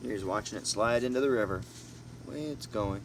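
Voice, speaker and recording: Reading aloud from a storybook at a moderate pace, this man has a lowish voice and an informal style, slipping in asides and occasionally tripping over words before fixing them. He's an amateur audiobook narrator, recorded at home with noise and a constant hum.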